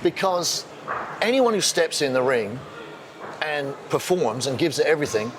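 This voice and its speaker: A man hosts a fight interview show, joking and chatting as he asks his questions. His voice sits on the high side, expressive at a normal pace, against a noisy background.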